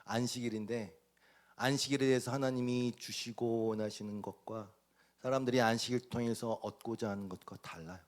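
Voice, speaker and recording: A man preaching a sermon as pastor, dramatic, acting out voices and swinging from loud bursts to near whispers. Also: mid-range voice, steady tone, fairly quick.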